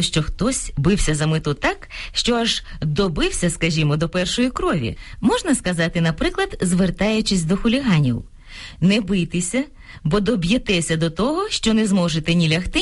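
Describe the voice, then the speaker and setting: A woman co-hosting a scripted radio program on language, explaining pronunciation clearly. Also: fairly low pitch, moderate pace. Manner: clear, explanatory, lively intonation.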